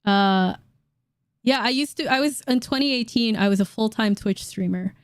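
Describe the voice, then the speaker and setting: A woman in her late twenties reacting to online comments in a casual vlog, blunt and quick to laugh, swearing casually. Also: a little high, clear, resonant tone, no echo, studio quality. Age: late 20s. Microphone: dynamic studio mic.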